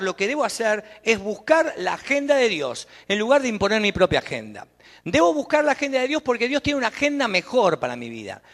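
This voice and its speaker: A man's voice: high voice, a bit bright. A man with an Argentine accent preaching a sermon as pastor, emphatic and putting questions straight to the congregation. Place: church sanctuary. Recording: long church reverb.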